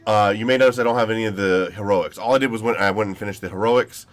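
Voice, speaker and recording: With a lowish voice and a quick pace, this gaming channel host rambles casually over his gameplay. He sounds a little nasal because he's sick.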